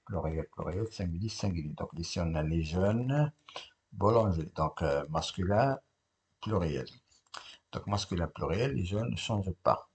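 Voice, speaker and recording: Slow, gravelly-voiced male teacher. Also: deep voice, animated, darkish tone. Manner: slow, repetitive classroom explaining, spelling out letters. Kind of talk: correcting a French grammar test.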